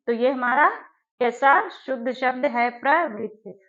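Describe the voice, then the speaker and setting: A woman teaching an exam-prep spelling lesson, who asks her class questions and then answers them herself, repeating each word slowly. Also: high-pitched, bright, forceful tone, dull audio. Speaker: Hindi teacher.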